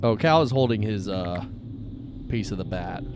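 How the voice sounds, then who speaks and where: A man's voice: fairly low pitch, expressive, normal speed, background noise. A man player at a tabletop role-playing game, casually saying what his character does. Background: loud background music.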